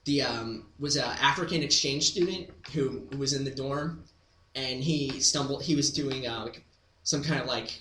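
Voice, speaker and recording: Comedian guy rambling in an interview, bright voice, echoey room, like and um everywhere. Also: medium pitch, normal speed, slight background noise. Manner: rambling, full of "like" and "um" fillers. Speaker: comedian guest. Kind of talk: casual interview chat. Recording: roomy echo.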